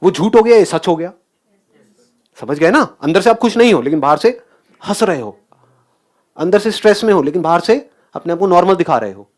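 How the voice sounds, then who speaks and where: A man's voice: high voice, expressive, fairly quick, long pauses. A man giving a motivational talk, asking the audience questions and mixing English phrases into his speech. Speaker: motivational speaker.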